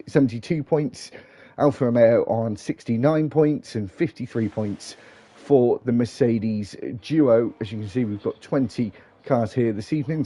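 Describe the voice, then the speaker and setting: A man's voice: mid-range voice, mellow, dry recording. A man hosting and commentating live on an online racing broadcast. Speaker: host and lead commentator.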